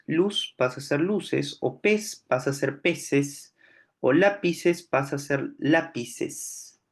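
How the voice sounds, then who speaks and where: Guy teaching grammar real slow and careful, mid-pitched, keeps asking if you follow. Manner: slow, deliberate explaining with frequent checks "¿no?". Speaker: language teacher. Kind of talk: recorded grammar lesson.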